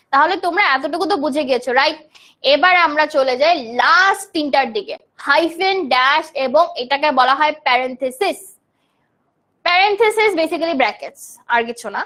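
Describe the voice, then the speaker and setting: A woman's voice: high-pitched, pushed and bright. A young woman from Bangladesh teaching English grammar in a live online class, explaining terms and answering student comments as she goes.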